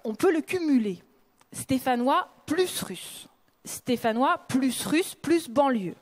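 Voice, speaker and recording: A woman novelist reading a passage of her own book aloud in a lively, expressive way. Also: high voice.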